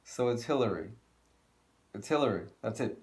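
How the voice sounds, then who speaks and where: A man's voice: mid-range voice, expressive, normal speed. A man co-hosting a video channel, ranting casually and bluntly, swearing and repeating himself for emphasis. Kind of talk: casual opinion rant.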